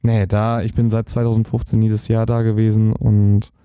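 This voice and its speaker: A man's voice: on the low side, monotone, normal speed, warm tone, clean tone, no room sound. A young man, a hobby DJ from Germany, chatting as a podcast guest, rambling and searching for words. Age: young adult. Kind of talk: casual podcast interview.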